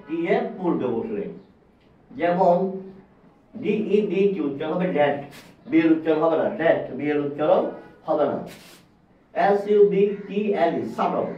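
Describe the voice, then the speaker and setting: A man teaches a whiteboard lesson, his voice high and set back from the mic. He says words again and again and puts questions to the class. The sound is echoey and dull. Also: lively intonation, recorded from a distance. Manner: repeats words slowly, asks the class questions. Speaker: English teacher.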